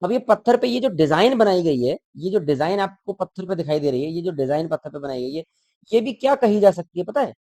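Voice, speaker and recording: A man's voice: high-pitched, big pitch swings, fairly quick, dark tone, no echo. A male teacher explaining a school textbook to children, repeating key words and asking the class questions.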